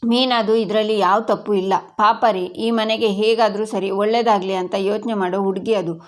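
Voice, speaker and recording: Woman reads firm middle-aged matriarch, reproachful and arguing, even pitch. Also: normal speed, lightly acted. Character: middle-aged mother-in-law, firm defender of family.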